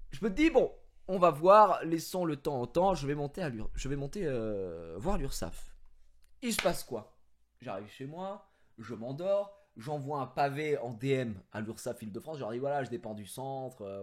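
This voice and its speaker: A man telling a story in a casual vlog, rambling with fillers, using crude slang and breaking into mock-indignant shouting. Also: mid-range voice. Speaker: streamer.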